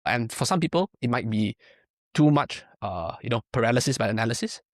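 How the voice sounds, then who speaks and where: Expressive and brisk, a young powerlifting coach from Malaysia chats through a podcast interview, rambling and leaning heavily on "like" and the tag "right?". His medium-pitched voice comes through in clean studio quality without echo.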